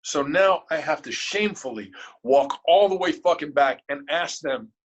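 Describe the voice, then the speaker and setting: A man, a guest in an interview, telling a story in a casual, animated and emotional way, cursing freely. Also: fairly high pitch, moderate pace, highs cut off.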